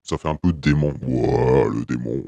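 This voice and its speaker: A man talking casually while his voice runs through a deepening voice-changer effect. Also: unhurried, creaky, dark tone, a little hiss or hum, full character voice. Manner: chatty, amused commentary.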